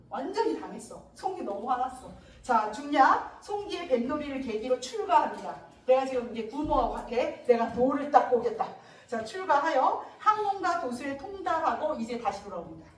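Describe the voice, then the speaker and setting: A woman's voice: sits high, reverberant, far from the mic, low-quality recording. A woman teaching a classic novel for exam prep, acting out the characters' lines in a casual, slangy way. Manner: animated, acts out characters' lines. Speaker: Korean literature teacher.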